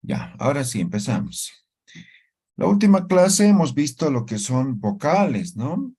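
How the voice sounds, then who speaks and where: A man's voice: fairly high pitch, very animated, unhurried, mellow, husky. A man teaching a language lesson, explaining rules step by step and checking in with his listeners through frequent short tag questions.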